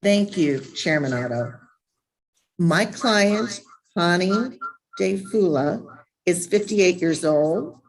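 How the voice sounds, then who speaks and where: A woman attorney presenting her client's case at a hearing over a remote call, measured and factual, with her words echoing back doubled from two devices. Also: on the low side, expressive. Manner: measured, reads facts and exhibit numbers. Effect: heavy echo doubling her words from two devices. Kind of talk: formal statement at a zoning hearing. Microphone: computer on a remote call. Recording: echoey remote call audio.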